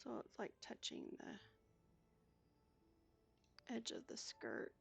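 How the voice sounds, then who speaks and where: An older woman chatting casually as she plays a cozy game, talking herself through each step in a soft voice. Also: fairly high pitch, sing-song, slow, gravelly, slight background noise. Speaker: gaming YouTuber. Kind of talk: casual gameplay commentary.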